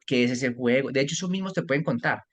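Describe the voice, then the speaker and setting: A Colombian man in his forties chats freely on a podcast, his voice sitting at an ordinary middle pitch. He talks at length as a parenting mentor, with lively storytelling and frequent restarts. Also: quick pace. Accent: Colombian Spanish. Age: 40s. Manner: talkative, animated storytelling with restarts. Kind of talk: casual podcast conversation.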